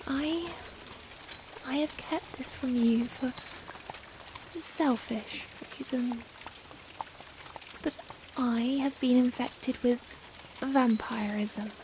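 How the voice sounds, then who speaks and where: Sombre and confessional, a woman performs a softly spoken dramatic monologue as a well-mannered young Victorian vampire for ASMR. Her voice is a little high with fairly even intonation, breathy in hushed moments, and her formal, antiquated speech comes with hesitant pauses over faint rain ambience.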